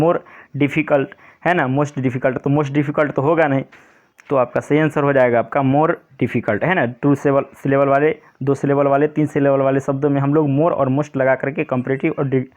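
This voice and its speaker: A male teacher explaining an English grammar lesson to pupils, patient and repetitive. He reads the English example sentences slowly, word by word. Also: on the high side, muffled recording. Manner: repetitive, patient, keeps saying "pay attention".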